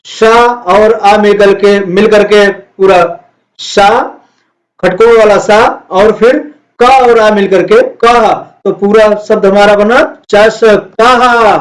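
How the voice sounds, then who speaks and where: A male Sanskrit teacher, explaining word meanings and slowly drilling each word for students to repeat. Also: sits high, fairly even intonation, poor audio. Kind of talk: classroom lesson explaining words.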